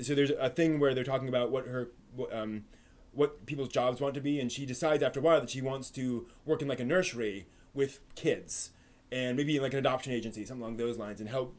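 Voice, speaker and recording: Here an anime live stream host speaks in a medium-pitched, somewhat dark voice. He thinks out loud as he responds to chat, with frequent restarts and filler words in a relaxed discussion.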